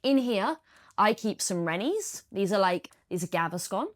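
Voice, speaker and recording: A woman's voice: medium pitch, sing-song, moderate pace. A woman, talking through her triathlon kit in a casual how-to vlog, chatty and practical. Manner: chatty, practical, explains step by step. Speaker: triathlete vlogger.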